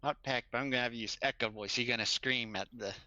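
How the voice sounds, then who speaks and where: A man's voice: medium pitch, fairly even intonation, quick pace, sharp tone, no room sound, muffled recording. A man player in a tabletop role-playing game, describing his character's moves in an offhand way. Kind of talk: casual game talk.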